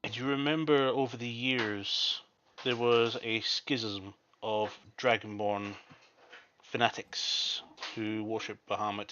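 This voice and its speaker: A man narrating a tabletop role-playing game as dungeon master. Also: lowish voice. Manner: descriptive, with shouted quotes of villains. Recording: dull lo-fi mic with faint noise.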